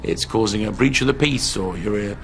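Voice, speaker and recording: A man's voice: lowish voice, a little fast, creaky. A man talking in an offhand, rambling way in a documentary interview. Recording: distant mic with background noise.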